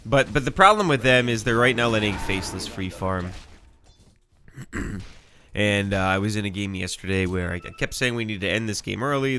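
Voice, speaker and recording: A man with a low-pitched, bright and forceful voice calls a video game match live in a loose, chatty way. His nose is audibly stuffy, and he wanders off into asides as he talks. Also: slight background noise. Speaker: game commentator. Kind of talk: casual live commentary.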